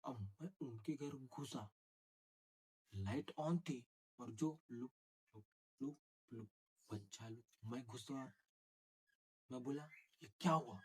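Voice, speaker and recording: A male vlogger telling a ghost story in an animated way, acting out sounds and scenes. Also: mid-range voice, takes it slowly, pauses often, husky. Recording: noisy background.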